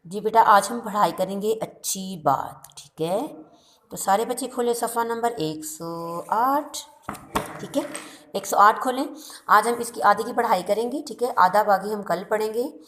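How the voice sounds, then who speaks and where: A woman's voice: medium pitch, unhurried, a bit bright. A woman teaching young children, speaking patiently and checking in with them again and again. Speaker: primary school teacher. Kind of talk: recorded class lesson for young children.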